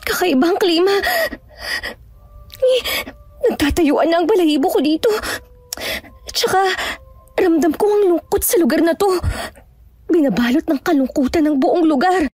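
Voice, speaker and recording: A woman's voice: very high voice, animated, normal speed, long pauses, warm tone. A young woman acting as an anxious, superstitious younger sister in a horror audio drama, nagging and easily frightened. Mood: uneasy. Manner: nagging, fearful, easily scared. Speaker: younger sister riding in a car.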